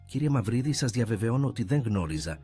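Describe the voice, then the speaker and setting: A man's voice: medium pitch, animated, warm tone, faint music behind, voice pushed up, natural voice. A man voicing a nervous, deferential woman who heads a household's staff in a read-aloud story. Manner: deferential, apologetic.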